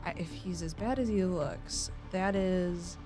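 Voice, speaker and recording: A woman's voice: lowish voice, unhurried, mellow, faint music behind. A woman chatting casually and jokingly as a player in a tabletop game.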